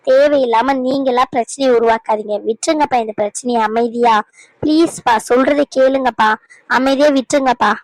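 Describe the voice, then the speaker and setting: Woman playing a calm cartoon daughter, high voice, gently reasoning, dry close sound. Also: a little fast, no echo, close to an everyday voice, poor audio. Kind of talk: cartoon dub acting.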